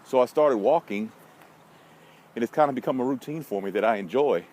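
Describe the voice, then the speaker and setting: Out for a walk in a park, an American man who vlogs and consults on social media marketing rambles bluntly and casually, tossing in wry, folksy asides. He speaks at medium pitch and a little fast, while city noise and passing vehicles fill the noisy outdoor recording.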